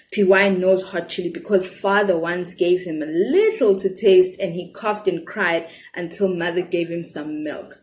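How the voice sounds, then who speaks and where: Woman storyteller, children's story reading, expressive, talks to the young listeners. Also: medium pitch. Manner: expressive, asks listeners questions.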